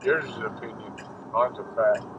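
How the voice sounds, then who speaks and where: A man's voice: medium pitch, a little fast. A middle-aged man chatting casually in a laconic, matter-of-fact way, like a father reassuring his grown child. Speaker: father driving his son home. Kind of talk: casual conversation. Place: inside a car. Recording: muffled, distant, noisy car interior.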